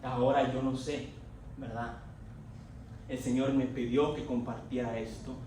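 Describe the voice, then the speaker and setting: A man's voice: medium pitch, flat delivery, measured pace, warm tone, far from the mic, slight background noise. A married man preaching a sermon in a church, speaking with impassioned, emotional conviction as he tells his own testimony. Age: adult, married. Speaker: lay preacher. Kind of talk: Pentecostal-style sermon. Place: church sanctuary. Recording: very echoey church hall recorded from afar.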